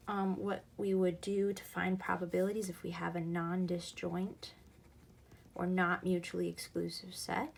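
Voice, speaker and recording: A woman's voice: mid-range voice, vocal fry, a little hiss or hum. A woman teaching a recorded math lesson, explaining patiently and going back over each key point.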